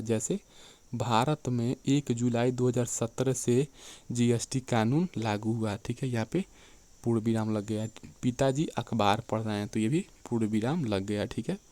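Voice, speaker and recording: A man teaching an exam-prep lecture, often checking in with his students and slowing down to read definitions and examples aloud. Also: mid-range voice, darkish tone. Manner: keeps checking in with "theek hai" and "dekhiye".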